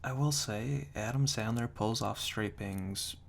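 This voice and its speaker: Unhurried and deadpan, a man whispers closely while reading reviews and adding dry, tongue-in-cheek commentary. His delivery blends a soft low murmur with a hushed, breathy whisper, recorded binaurally very close to the ears with faint background noise.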